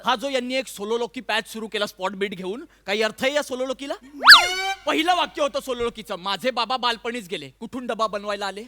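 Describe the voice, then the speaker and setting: An actor playing an exasperated son-in-law in a stage comedy sketch, loudly mocking his father-in-law's story. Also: very high-pitched, a little fast, music in the background. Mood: sarcastic. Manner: sarcastic, loud and scolding.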